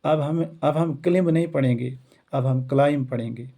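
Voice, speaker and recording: A male schoolteacher from India, not a native English speaker, speaks with an earnest, motivational drive. His voice is gravelly and dark. He builds his points through repeated rhetorical phrases. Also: medium pitch, normal speed. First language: not English; self-taught English. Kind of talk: motivational talk to students and teachers.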